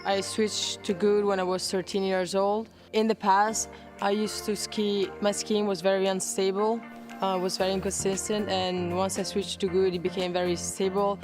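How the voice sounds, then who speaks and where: Young woman, flat testimonial. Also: medium pitch, moderate pace, over music. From Italy. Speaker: athlete in a sponsor ad. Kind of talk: scripted testimonial.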